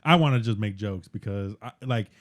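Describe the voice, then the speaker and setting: A young adult man co-hosting a casual podcast, telling a story in an animated, profane way with lots of quoted voices. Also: fairly low pitch, fairly quick. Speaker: podcast co-host.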